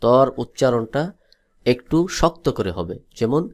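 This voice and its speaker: A man from Bangladesh teaching Quran letter pronunciation, drilling each letter slowly and repeating it several times. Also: medium pitch, animated, a little mellow. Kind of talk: slow letter-by-letter pronunciation lesson.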